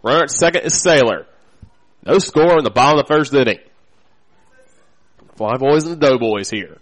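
A man's voice: medium pitch, animated, moderate pace, poor audio. American male baseball play-by-play voice. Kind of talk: live sports commentary.

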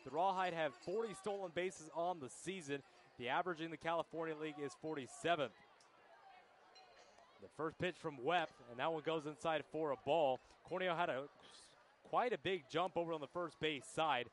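A man's voice: on the high side, moderate pace, a little hiss or hum. A man doing live baseball play-by-play commentary for a radio broadcast. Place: ballpark broadcast booth.

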